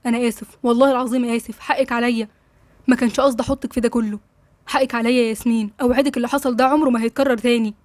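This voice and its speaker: Woman reading a remorseful young husband, egyptian accent, soft apologies, quick, high. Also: steady tone, dry recording, lightly acted. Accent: Egyptian Arabic.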